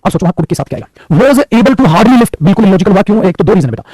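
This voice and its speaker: Guy teaching grammar, fast, husky, dry close mic, teasing his students. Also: sits high, lively intonation, a little mellow, no room sound, poor audio. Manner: scolding, teasing, calls students beta. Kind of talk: classroom lecture in Hindi mixed with English.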